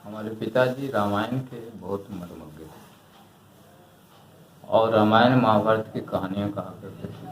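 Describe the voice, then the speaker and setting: An older man speaks slowly and thoughtfully, his voice sitting low. He answers an interviewer at length. The recording carries a roomy echo with faint background noise. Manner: slow, measured, reflective. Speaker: retired writer and historian.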